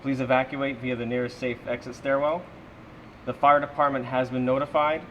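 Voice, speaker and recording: A man playing a security officer who gives a measured, official emergency evacuation order as a public announcement. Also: mid-range voice, level tone, dull audio, slight background noise, natural voice. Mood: calm, official.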